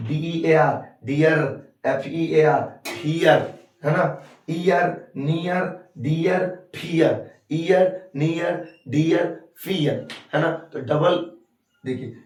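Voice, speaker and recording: Man, teacher, classroom phonetics lesson, fairly high voice, roomy echo, mic at a distance. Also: darkish tone. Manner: drills words, asks and answers his own questions. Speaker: English teacher. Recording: echoey room, mic far off.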